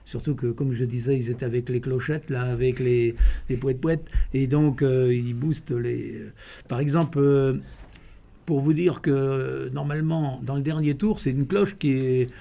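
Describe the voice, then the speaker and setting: A man giving informal interview answers, telling stories in a halting way with repeated words. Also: mid-range voice, gravelly, mellow. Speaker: president of a running club, interviewee.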